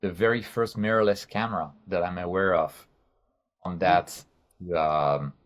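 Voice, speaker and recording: Low-voiced man with a French accent. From France. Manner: halting, repeats words while thinking. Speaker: guest. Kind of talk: casual interview chat.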